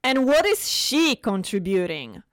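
A woman's voice: medium pitch, big pitch swings, measured pace, no echo, studio quality. A woman doing a smug, lazy father. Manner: overconfident, dismissive.

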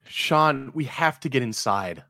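Man acting an anxious, urgent survivor, animated pitch. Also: a little slow, no room sound, studio quality.

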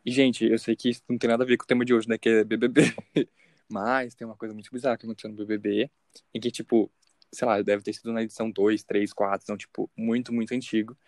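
This podcast co-host is a young Brazilian man whose Brazilian Portuguese accent comes through a lowish, a little mellow voice. He talks fast and flat, with no echo, in casual, jokey chat full of laughter.

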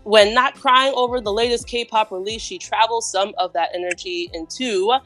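A woman's voice: fairly high pitch, steady tone, moderate pace, fairly bright tone, no echo, soft background music. A woman hosting a casual podcast, upbeat and chatty, who laughs easily as she talks. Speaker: podcast host.

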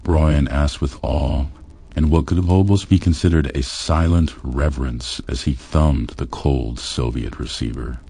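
A man reading a crude comedy story aloud in a deadpan, matter-of-fact way. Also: rumbling low, unhurried, breathy edge. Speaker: audiobook narrator.

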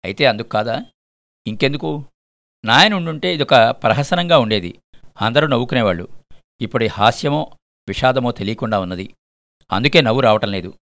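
A man voicing an adult son who asks loud, irritated questions. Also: medium pitch, expressive, fairly quick, gravelly, long pauses, dry recording. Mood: rueful. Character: grown son, upset and bewildered.

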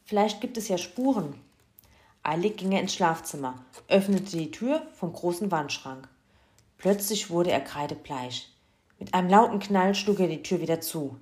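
A woman reading a children's story aloud in a lively, expressive way. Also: lowish voice, normal speed.

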